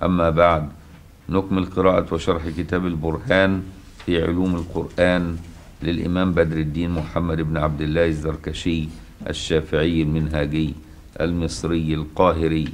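A middle-aged man with an Egyptian accent teaching a religious lesson. He explains step by step, often checks whether listeners have understood, and recites quoted verses slowly and deliberately. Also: rumbling low, level tone. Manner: checks understanding with rhetorical questions.

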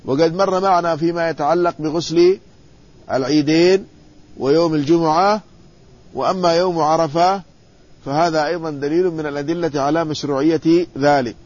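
Guy teaching a hadith class, reads a line then explains it, asks the class questions, voice a bit high, sound kinda dull. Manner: reads quoted text then explains, quizzes students. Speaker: Islamic scholar teaching hadith. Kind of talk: classroom lesson reading and explaining a text.

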